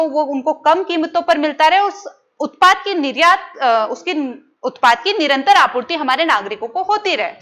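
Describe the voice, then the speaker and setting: High-voiced woman teaching an exam class. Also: pushed and bright. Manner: asks the class questions and answers them herself, repeats key terms. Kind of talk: exam-prep lecture.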